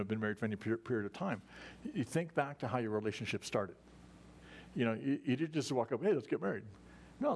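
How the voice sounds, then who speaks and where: A man's voice: medium pitch, a little hiss or hum. A man preaching a sermon to his congregation in a folksy, conversational way, often restarting his sentences. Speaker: pastor. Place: church service.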